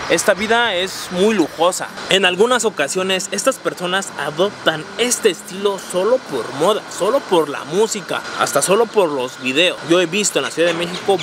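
A man's voice: high-pitched, lively intonation, moderate pace, few pauses, background noise. A young man hosting a street vlog, talking playfully to camera in slangy Spanish, exclaiming as he goes. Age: young adult. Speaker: vlog host. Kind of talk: animated street vlog presenting. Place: outdoors on city streets. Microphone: camera at arm's length. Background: music.

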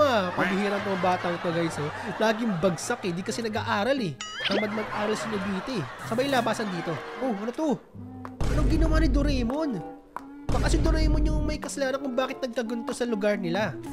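A Filipino woman with a stuffy, nasal voice chatting through a horror game, reading game text aloud and shrieking when startled, with loud game music behind her. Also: fairly high pitch. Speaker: gaming streamer. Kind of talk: casual horror game commentary.

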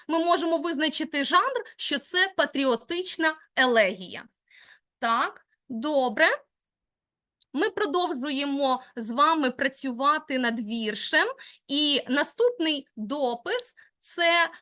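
A woman teacher with a high, bright voice leads a classroom lesson. She guides her students patiently and praises their answers. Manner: encouraging, guiding students step by step.

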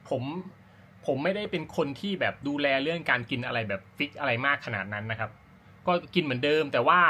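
A man's voice: medium pitch, fairly bright tone, a little hiss or hum. A man talking casually as an amateur running vlogger, explaining his routine in an informal, rambling, self-correcting way. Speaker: amateur runner hosting a running vlog. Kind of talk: casual talk to camera about personal routine.

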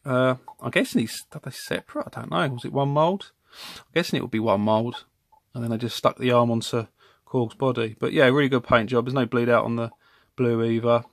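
In a home room full of toy shelves, a male toy reviewer casually talks through a collectible figure from behind the camera, rambling and correcting himself often. His pitch is medium, and the dry recording has a clean studio sound.

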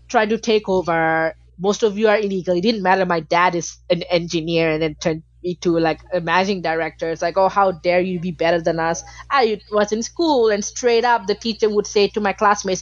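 Animated woman guest on a dull line. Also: lowish voice, no room sound. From Malaysia. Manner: animated, emphatic, frequent fillers. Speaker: podcast guest. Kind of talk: casual interview talk.

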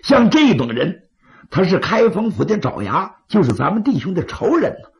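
Man doing an angry gravelly bandit hothead. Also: high voice, wildly swooping pitch, normal speed, pitched above the performer's own voice, full character voice. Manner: impatient, dramatic storyteller's character voice. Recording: slightly dull, lo-fi audio.

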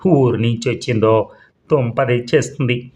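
A male storyteller narrating a comic audiobook story in a measured, expressive way. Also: medium pitch.

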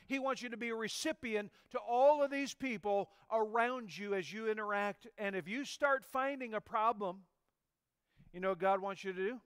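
A middle-aged man preaching a sermon as pastor, with emphatic delivery and sudden swings in loudness. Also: sits high, clear, resonant tone, dry recording, studio quality.

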